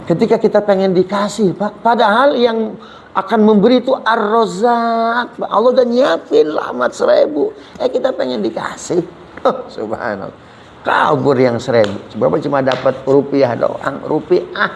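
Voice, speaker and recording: The audio is poor and carries a little hiss or hum as a man with a high-sitting, creaky voice delivers an animated Islamic lecture. Joking with his audience, he repeatedly calls them "Pak", says "subhanallah" between points, and fields their questions.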